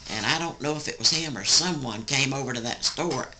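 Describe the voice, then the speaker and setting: An elderly woman with a Southern US accent, a sweet old lady telling family stories in a folksy, rambling, gravelly way. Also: a bass voice, a little fast, noisy background. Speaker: grandmother recounting family stories. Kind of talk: casual oral storytelling.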